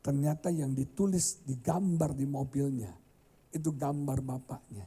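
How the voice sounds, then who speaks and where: A male pastor preaching a sermon and telling stories, swinging from loud high outbursts to hushed tones. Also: a little slow, husky. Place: church hall.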